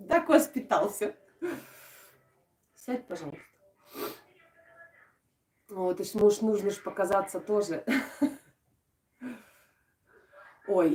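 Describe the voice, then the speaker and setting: A young adult woman with an Odesa accent chatting casually and affectionately to live-stream viewers, in a halting way with thoughts that trail off. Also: medium pitch, a little mellow. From Odesa region, Ukraine. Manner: affectionate, uses endearments and diminutive names. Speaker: craft video blogger and live streamer. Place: indoors at home. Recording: echoey room, distant microphone.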